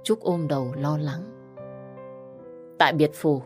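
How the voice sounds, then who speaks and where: Woman, low voice, calm story narrator over soft music. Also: takes it slowly. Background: faint music.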